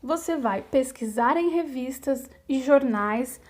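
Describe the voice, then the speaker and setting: A woman's voice: high-pitched, takes it slowly, darkish tone. A Brazilian woman teacher giving a recorded video lesson to young pupils, explaining patiently step by step and checking in often. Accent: Brazilian Portuguese. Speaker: primary school teacher.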